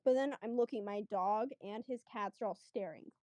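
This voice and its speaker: Woman guest, mid-pitched, mellow tone, chatty storyteller who acts out the dialogue, dry close mic. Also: moderate pace, no echo. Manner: chatty, lots of fillers, acts out quotes. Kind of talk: casual storytelling.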